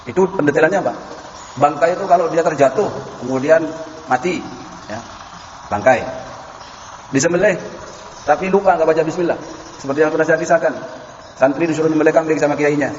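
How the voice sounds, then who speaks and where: Speaking a little fast with long pauses in a fairly high voice, a man gives a religious lecture on halal food to a class. He calls his audience sir and madam, recites verses in Arabic, and shares anecdotes; the audio is muffled, echoing as in a hall, with faint noise underneath.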